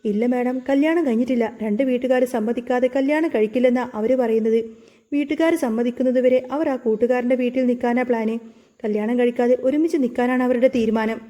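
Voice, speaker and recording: A woman's voice: a little high, fairly even intonation, a little fast, mellow, lightly acted. A woman voicing a frightened young shop worker who pleads near tears. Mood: timid.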